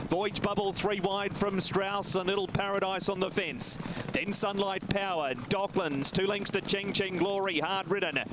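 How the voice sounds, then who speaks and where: A man delivers live horse racing commentary in a high-pitched voice. His phrases are clipped and come rapid-fire, one after another. Loud racecourse noise runs behind him throughout the broadcast. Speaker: race caller. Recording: very noisy outdoor racecourse broadcast.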